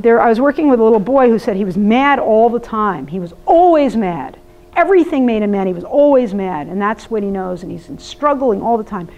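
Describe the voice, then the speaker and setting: A woman therapist giving a lively, conversational workshop talk to an audience and asking them questions. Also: fairly high pitch. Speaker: therapist presenter. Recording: muffled lo-fi recording.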